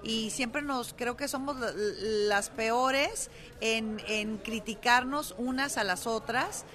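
A woman reporting entertainment news on a radio show, talking in a lively, chatty, upbeat way. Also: on the high side, slow pace. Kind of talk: radio celebrity news chat.

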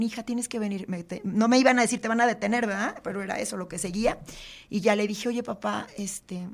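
A woman, a guest in an interview, telling a personal story in an earnest, halting way with many fillers and often dropping to a quiet, subdued voice. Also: a little high. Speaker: podcast guest.

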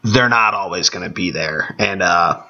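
A man with a gravelly, allergy-congested voice talking casually on his own as a sports podcast host. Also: deep voice, normal speed, sharp tone. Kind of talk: casual solo podcast talk. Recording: dull, band-limited podcast audio.

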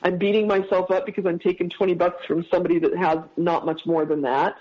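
A man as a podcast guest, telling a personal story in a heartfelt, halting way with many restarts. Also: sits high, flat delivery, a little mellow. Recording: dull lo-fi sound.

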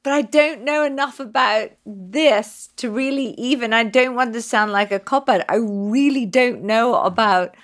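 A woman's voice: on the high side, measured pace, few pauses, fairly bright tone. A woman investor giving founders her verdict in a chatty, self-deprecating way. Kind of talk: business pitch discussion.

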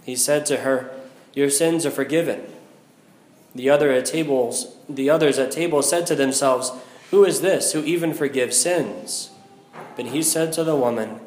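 American priest, echoing in a big church. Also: male voice, medium pitch. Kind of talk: liturgical Gospel reading and homily. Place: inside a large church. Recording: echoing large church hall.

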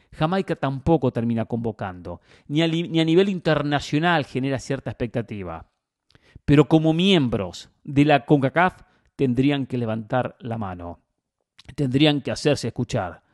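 A man's voice: fairly high pitch, a little mellow, no room sound, clean studio sound. A man giving opinionated football commentary as a host, emphatic and fond of rhetorical questions and repetition.

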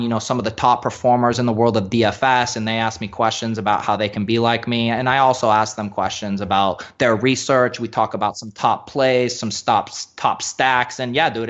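A man's voice: mid-range voice, fairly bright tone, muffled recording, close to an everyday voice. A man putting on a cocky bragging fantasy bro. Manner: brash, calls everyone dude.

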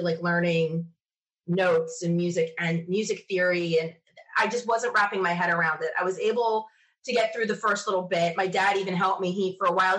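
A woman being interviewed tells casual personal stories in a chatty way, acting out remembered conversations by animatedly quoting herself and others. Her voice is lowish, and the recording is rough.

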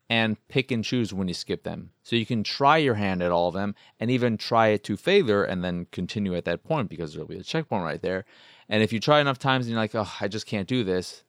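In a casual one-man video game review, this podcast host wanders through his thoughts and keeps returning to reword them. His voice is lowish and a bit bright, recorded cleanly in a studio with no room sound.

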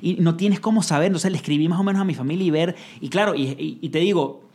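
Fast-talking Venezuelan man telling a story. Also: fairly high pitch. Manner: animated storytelling with frequent swearing. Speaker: singer guest. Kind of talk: casual podcast chat.

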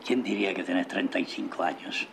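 An actor playing a gentle elderly Argentine husband and father, speaking tenderly and soothingly. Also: sits low, steady tone, fast talker, creaky, background noise. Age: older.

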